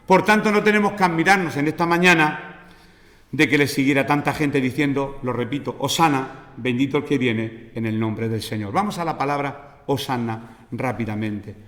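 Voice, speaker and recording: Spanish guy preaching, gets loud acting out pleas, roomy church echo. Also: medium pitch, normal speed. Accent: Spanish from Spain. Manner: animated, teaching, acts out pleas with raised voice. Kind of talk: sermon. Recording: echoey church hall.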